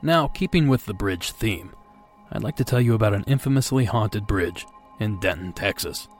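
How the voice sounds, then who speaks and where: A man hosting a podcast with scripted, measured but conversational delivery. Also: lowish voice, lively intonation. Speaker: podcast host. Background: faint music.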